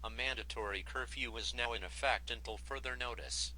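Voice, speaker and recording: Brief: male voice as an emergency-alert announcer, formal and commanding, with a clear hiss of noise and clicks behind. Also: mid-range voice, brisk, lightly acted. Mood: urgent.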